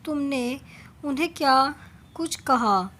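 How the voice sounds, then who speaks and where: A woman's voice: sits high, expressive, takes it slowly, fairly bright tone, exaggerated voice. A woman doing a worried young son. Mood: concerned.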